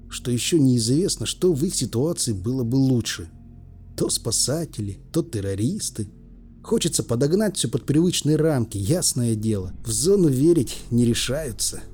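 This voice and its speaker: A man's voice: mid-range voice, dark tone. A man narrating an audiobook in the first person, weary and dryly ironic, voicing the characters as he goes.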